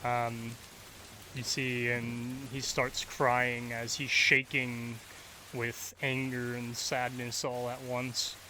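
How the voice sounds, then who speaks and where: Game master, man, bright and slow, hesitant, faint hiss behind. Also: medium pitch, completely flat delivery, rough recording. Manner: hesitant with many fillers. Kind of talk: narrating a tabletop game.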